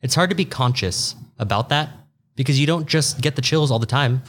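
A man co-hosting a casual chat, telling stories in an animated way with lots of fillers and mimicry. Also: mid-range voice, fairly quick. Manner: animated storyteller, mimics others, frequent laughs and fillers. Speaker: podcast co-host.

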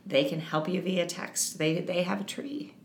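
In an echoey room, a woman with a lowish, expressive voice talks at a moderate pace. She is an interview guest and eating disorder advocate, chatting casually, sounding earnest and encouraging while often starting her sentences over as she describes her advocacy.

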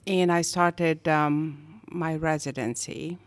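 An older woman from Egypt, a podcast guest speaking in unhurried chat with fillers. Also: sits low, fairly even intonation, dry recording. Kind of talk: casual chat.

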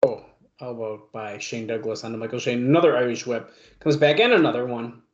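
A man's voice: mid-range voice, brisk. A man co-hosting a podcast, chatting and commenting on a wrestling match in a casual, conversational way. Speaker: podcast co-host watching wrestling. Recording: dull lo-fi sound.

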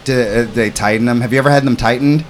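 A man's voice: medium pitch, steady tone, fast talker, slight background noise. A man hosting a podcast in an informal, chatty, upbeat way, casually interviewing children. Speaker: podcast host, summer camp owner.

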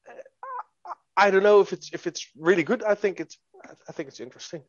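A man's voice: high-pitched, brisk, slight background noise. A man co-hosting a casual crypto podcast, stumbling over repeated words and restarts, at times reading a news article aloud. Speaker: co-host. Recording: dull lo-fi sound.

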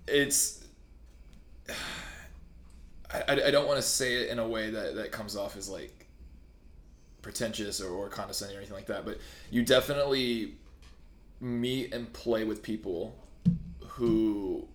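Casting: low-voiced male musician guest, animated and rambling, roomy mic sound. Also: a little slow, pauses often. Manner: animated, rambling, restarts and laughs. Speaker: touring band musician, guest. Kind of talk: casual interview chat. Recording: roomy echo.

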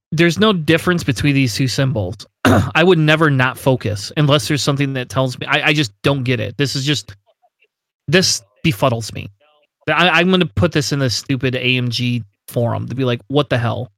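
A man's voice: mid-range voice, moderate pace, a bit bright, dry recording, studio quality. A man co-hosting a casual tabletop game podcast, talking emphatically with frequent incredulous laughs. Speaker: podcast co-host.

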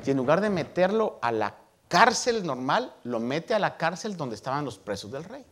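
A man's voice: fairly high pitch, very animated, moderate pace, fairly bright tone. A man preaching a humorous, folksy sermon, retelling a scripture story with frequent tag questions and a few English words mixed into his Spanish.

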